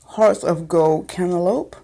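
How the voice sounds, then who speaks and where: A woman's voice: fairly low pitch, measured pace, creaky, dark tone. A woman giving a casual home video tour of her small greenhouse, chatty and meandering, with many ums, recorded on a handheld phone. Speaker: gardening vlogger. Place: small makeshift greenhouse, indoors.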